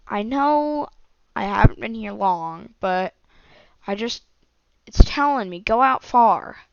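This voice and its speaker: A woman voicing an eager, restless male adventurer in a told story, in a smooth voice with some creak. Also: mid-range voice, lively intonation, slow pace, no room sound. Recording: dull lo-fi dry recording.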